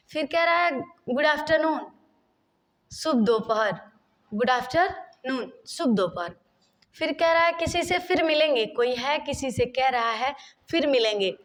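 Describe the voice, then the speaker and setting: A woman teaching everyday English phrases, explaining each one, repeating it and asking rhetorical questions. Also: fairly high pitch. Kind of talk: spoken language lesson.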